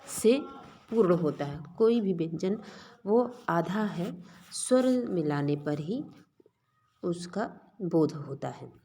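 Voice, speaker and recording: A woman teaching Sanskrit grammar in a slow classroom lecture, reciting verses and then explaining them step by step. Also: on the low side, slight background noise.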